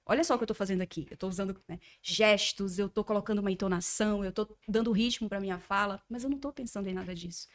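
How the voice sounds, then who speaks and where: A woman's voice: mid-range voice, fast, few pauses. A woman guest on a podcast, a communication mentor speaking fluently and explaining ideas at length.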